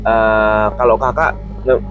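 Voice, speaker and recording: A man from Yogyakarta, telling a personal story as a guest in a casual chat, pausing often with "eh" fillers and restarting phrases. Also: lowish voice, level tone, dull audio, faint music behind. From Yogyakarta, Indonesia. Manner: hesitant, many "eh" fillers and restarts.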